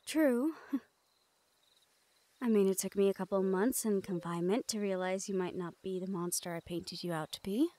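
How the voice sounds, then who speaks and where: In an intimate fantasy audio drama, a woman plays a young female thief of the shadow folk, using her natural, medium-pitched voice at a normal pace with no room sound. Her tone is soft and tender, often slipping into a breathy murmur. Fond and teasing, she sounds self-assured yet protective of the person she's speaking to.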